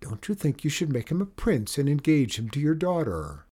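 A man reading a storybook aloud, voicing a bossy, quick-witted young princess with a brisk, commanding manner. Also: on the high side, sing-song, warm tone, voice pushed up.

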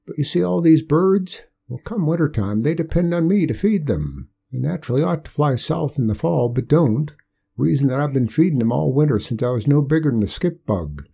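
A man's voice: on the high side, big pitch swings, a little fast, gravelly, dark tone, husky, pitched above the performer's own voice, full character voice. A man voicing a stubborn, folksy old backwoods man with a drawling country way of talking. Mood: pleading. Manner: drawling country speech, raised and insistent.

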